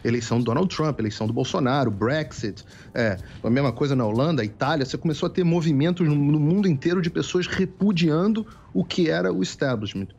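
A man's voice: on the high side, lively intonation, quick pace, vocal fry, hardly any pauses, darkish tone, slight background noise. A man speaking as a guest commentator on a political talk show, lecturing in an emphatic way and repeating key phrases, heard over dull, lo-fi remote-call audio.

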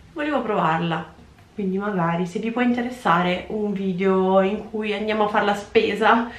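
Young woman, chatty vlogger, casual talk to viewers, echoey tiled bathroom, camera mic. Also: mid-range voice. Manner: chatty, talks to viewers while cleaning. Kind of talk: casual cleaning vlog chat.

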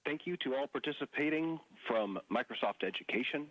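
A man's voice: mid-range voice, animated, a little fast, fairly bright tone, dry recording. Man calling over a muffled radio link. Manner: formal, clipped radio protocol. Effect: radio transmission. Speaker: mission control communicator. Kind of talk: space-to-ground radio call.

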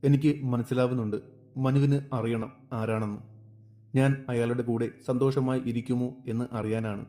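Remorseful young wife in a storybook reading, pleading, dark mellow voice, read by a man. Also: mid-range voice, natural voice.

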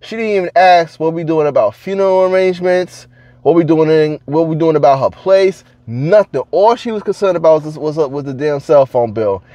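A man vlogging to camera, telling stories in a casual, slangy, animated way and laughing between lines. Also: on the high side, moderate pace, no echo, dull audio.

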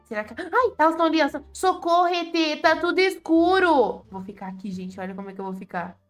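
A Brazilian woman with a high, bright voice gives excited gameplay commentary. She talks in a playful, dramatic way, full of fond and teasing exclamations. Faint game music plays behind her. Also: fast. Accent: Brazilian Portuguese. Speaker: gaming YouTuber.

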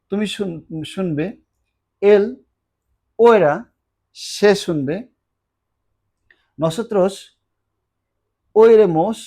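A man whose first language is Bengali teaches Spanish in an online lesson, with a fairly high voice. He talks slowly and deliberately, repeating each verb form several times so learners can follow. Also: a little mellow. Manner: slow, repetitive drilling of verb forms.

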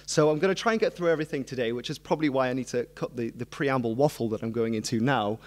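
A man's voice: mid-range voice, fast talker, darkish tone. A man, giving an informal, self-deprecating history lecture as a student speaker. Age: early 20s. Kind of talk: informal public talk with self-deprecating humour. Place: on stage in a hall before a seated audience. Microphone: microphone on a stand at a lectern.

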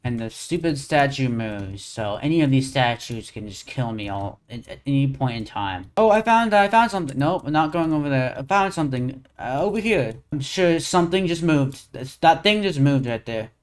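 A young man giving casual, excitable commentary while playing a horror video game, often laughing and saying "dude" and "bro". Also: medium pitch, moderate pace, hardly any pauses. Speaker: gaming channel host.

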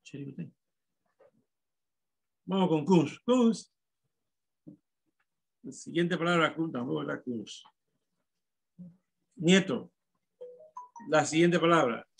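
Man, teacher, online class, slow and patient, gravelly, syllable by syllable. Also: a little high. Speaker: primary school teacher. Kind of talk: online class calling on pupils.

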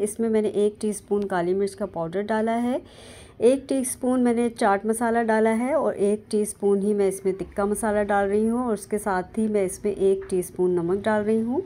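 A woman with a Pakistani Urdu accent narrates a cooking video, calmly walking through each step. Her voice is mellow and warm, sitting at an ordinary middle pitch. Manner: calm step-by-step instructing. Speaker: cooking channel host. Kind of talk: recipe voice-over narration.

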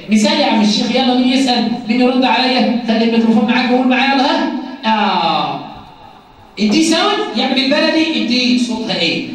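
Fast-talking Egyptian teacher in an echoey room. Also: male voice, very high-pitched. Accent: Egyptian Arabic. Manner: rhetorical questions with a sing-song, drawn-out delivery. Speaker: teacher trainer. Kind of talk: classroom phonics lesson. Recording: very echoey room, distant mic.

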